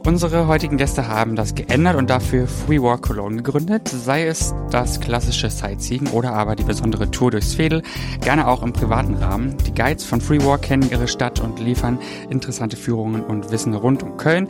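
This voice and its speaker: A man's voice: mid-range voice, moderate pace. Male co-host introducing over guitar music. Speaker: podcast co-host. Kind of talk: podcast guest introduction.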